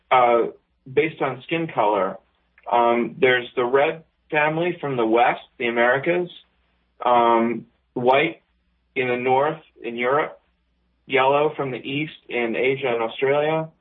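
A male caller on a speakerphone over an internet call, explaining his point hesitantly with many ums. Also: medium pitch. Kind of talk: call-in radio talk. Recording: tinny phone-like call line.

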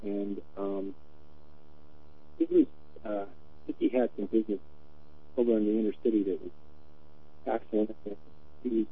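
A man calling in to a radio show on a choppy phone line that keeps breaking up; he talks haltingly and repeats words as he goes. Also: on the low side, fairly even intonation, creaky. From Los Angeles, USA. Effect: glitchy, choppy phone line breaking up. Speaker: caller. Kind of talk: casual call-in chat. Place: at home, calling from far away. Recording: tinny phone line with faint noise.

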